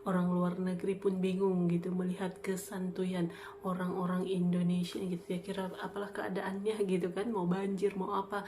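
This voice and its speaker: A woman with a Malaysian accent hosting a reaction channel, chatting casually to her viewers in a relaxed way. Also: fairly low pitch, moderate pace, slight background noise.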